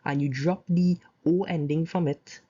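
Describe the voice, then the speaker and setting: A Caribbean-accented teacher giving a language grammar lesson, reciting verb conjugations slowly and adding short explanations. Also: medium pitch, fairly even intonation, mellow, breathy edge, muffled recording. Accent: Caribbean English. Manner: slow, deliberate reciting of conjugations with asides. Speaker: Spanish teacher.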